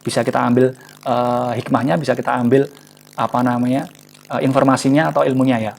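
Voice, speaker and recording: A man giving a casual, jokey motivational talk to a live online audience, often pausing for words. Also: medium pitch, little pitch movement, vocal fry. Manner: chatty and jokey, often searching for words with fillers. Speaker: online class speaker.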